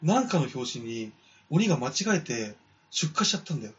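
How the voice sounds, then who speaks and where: A man's voice: mid-range voice, very animated, fairly quick, fairly bright tone. A man casually chatting on a podcast, retelling a folk tale and acting out the characters' lines. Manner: acts out characters' lines while telling the story. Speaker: podcast co-host. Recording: dull lo-fi podcast audio.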